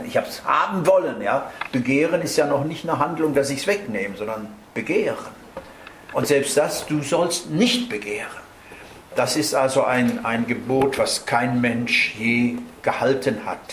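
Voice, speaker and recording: A man's voice: medium pitch, a little hiss or hum. A man giving a Bible teaching sermon in German, explaining verse by verse and checking in with his listeners. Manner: explanatory, adds tag questions "nicht?". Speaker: preacher. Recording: roomy hall with faint ambience.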